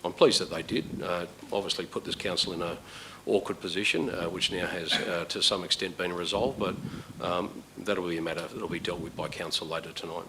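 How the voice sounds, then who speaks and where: A man chairing a council meeting as mayor, answering questions in a measured, hesitant way with many fillers. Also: low-pitched, fairly even intonation, background noise.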